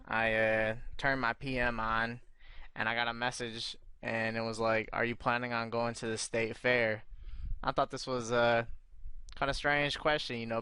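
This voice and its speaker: A male podcast host in casual chat, relaxed and swearing freely as he reads out listener questions. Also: medium pitch, clean tone, dry recording.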